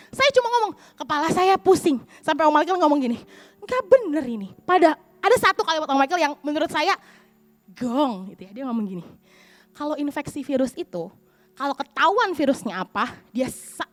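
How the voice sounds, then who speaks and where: High, animated woman preacher. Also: fairly quick, no echo. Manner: lively storytelling, acts out quoted voices. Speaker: pastor. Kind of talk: sermon with personal story. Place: church.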